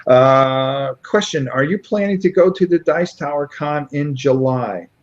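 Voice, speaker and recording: A man's voice: on the high side, unhurried. Man from connecticut, stream host, rambling, trips over words, dull lo-fi audio. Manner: rambling, stumbles over game names. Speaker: live show host. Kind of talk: casual live-stream interview.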